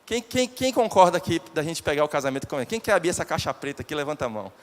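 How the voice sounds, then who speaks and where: A pastor preaching live, his high voice leaping around as he keeps questioning the congregation. The sermon rings with long reverb through a church hall. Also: rapid-fire. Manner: animated, questions the congregation directly.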